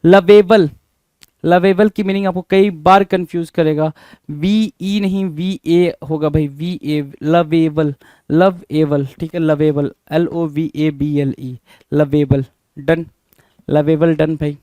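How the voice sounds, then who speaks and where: A man's voice: a little high, fairly even intonation, slow, warm tone, no echo. A man teaching English spelling, spelling words out letter by letter and asking his students rhetorical questions. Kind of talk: spelling-check lesson.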